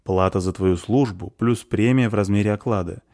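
An impulsive young man, weighed down by guilt and speaking in an agitated way, as a man reads him. The voice stays close to the reader's own, warm and low in a dry space. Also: normal speed, natural voice. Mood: troubled. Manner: agitated, remorseful.

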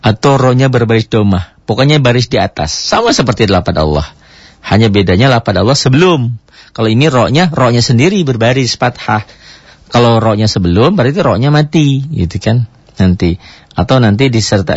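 A man's voice: breathy edge, no room sound. Indonesian man teaching tajwid on radio. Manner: explains rules step by step, models Arabic words slowly; lively pitch jumps when stressing a point. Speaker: Quran recitation teacher. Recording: dull dry radio broadcast recording.

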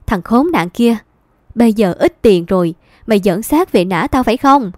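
A woman's voice: mid-range voice, moderate pace, darkish tone, no echo, studio quality, natural voice. A woman reading an audiobook, voicing a bitter older mother who harshly scolds her son. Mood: furious.

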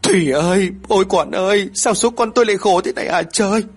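A man's voice: sits high, fast, husky, voice pushed up. A man voicing a distraught elderly village mother who cries out in grief. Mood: sobbing.

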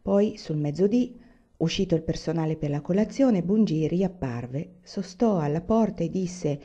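A woman reading a novel aloud in calm, even audiobook narration. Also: lowish voice, measured pace. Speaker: reader. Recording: dull lo-fi recording.

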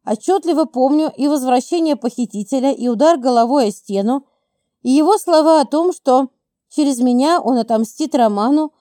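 A woman narrating a first-person audiobook in a smooth, even storytelling manner. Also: high voice, moderate pace, no room sound, clean studio sound.

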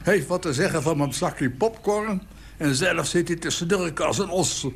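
A man's voice: fairly high pitch, normal speed, vocal fry, a little hiss or hum, voice pushed up. An elderly man voicing a rude, brusque man in a cinema who grumbles dismissively.

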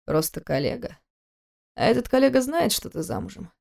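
A woman reading the part of a scornful, controlling husband in an audiobook, speaking quietly, mockingly and with menace. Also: on the low side, brisk, close to an everyday voice. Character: cold, scornful adult man, a controlling husband.

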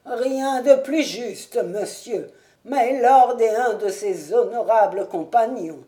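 A woman's voice: fairly high pitch, slow pace, mellow. Woman voicing a trembling old manservant. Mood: fretful. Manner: quavering, fretful, exclaiming. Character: trembling old male castle servant, fussy and anxious.

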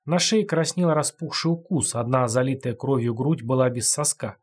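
A man reading a grim story as an audiobook narrator, in a measured storytelling manner. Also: medium pitch, husky.

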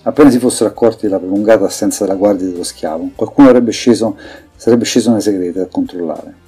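A man reading scripted fantasy narration in an even, measured way. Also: lowish voice, husky. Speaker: audiobook narrator. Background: faint music.

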